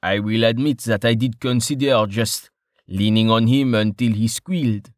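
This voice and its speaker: A man's voice: mid-range voice, moderate pace, no room sound, lightly acted. A man voicing a guarded male adventurer with a dry manner.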